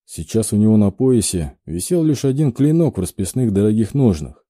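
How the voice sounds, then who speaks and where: A man narrating an audiobook with expressive storytelling. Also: fairly low pitch, normal speed, no room sound, studio quality. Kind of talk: scripted narration.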